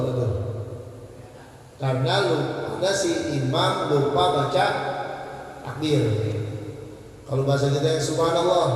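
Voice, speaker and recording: Male religious teacher, unhurried, quizzes listeners; echoey hall, mic at a distance. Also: a little high, a little hiss or hum. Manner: quizzes listeners and mimics worshippers' chants. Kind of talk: religious lesson with call-and-response.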